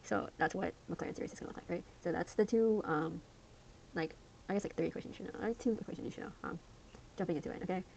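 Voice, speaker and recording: Fast, rambling young woman tutoring. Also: fairly low pitch, vocal fry, darkish tone, muffled recording, slight background noise. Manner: rambling, filler-heavy, slangy. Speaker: student tutor. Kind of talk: casual study lesson.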